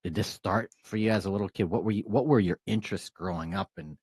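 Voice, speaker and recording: A man hosting an interview, talking casually in a halting way with many restarts. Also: lowish voice, a little mellow, husky, no room sound, studio quality. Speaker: host.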